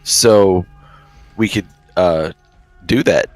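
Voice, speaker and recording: A man's voice: low voice, drawn-out words, faint music behind, poor audio. A man chatting casually as a player in a tabletop role-playing game.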